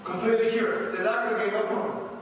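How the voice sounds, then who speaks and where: A man's voice: high voice, steady tone, fast, lo-fi sound, slight background noise. A man teaching Torah in a loose, conversational way, repeating himself and often asking if his listeners are with him. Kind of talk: informal teaching talk. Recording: echoey hall, mic from far off.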